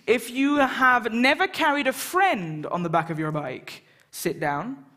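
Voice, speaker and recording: A woman from England serves as host of a live event in a lecture hall, chatting and joking with the audience on stage and teasing them. Her pitch is fairly high and her delivery animated and a bit bright, at a measured pace.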